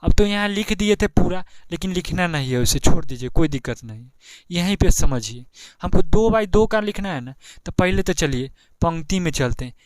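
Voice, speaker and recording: A young man with a Bihari Hindi accent teaches a maths lesson in a chatty, repetitive way, checking in with the class again and again. His voice sits a little high and sounds smooth and clear. It is recorded close and dry, with no room sound. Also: lively intonation, normal speed, no room sound. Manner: chatty, repeats steps, keeps asking "ठीक है ना". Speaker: math teacher. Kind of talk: board exam tutorial.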